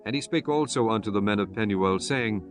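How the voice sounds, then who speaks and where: Male scripture narrator, lowish pitch, solemn measured reading, clear music bed behind.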